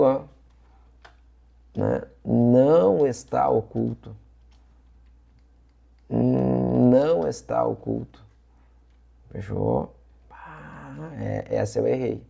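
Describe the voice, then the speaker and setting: A man walks students through exam questions in a chatty, repetitive teaching style. His voice is heavily gravelly and very dark, with a husky edge. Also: medium pitch. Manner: chatty, repeats points with frequent "tá?" and "ó". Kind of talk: casual online lesson.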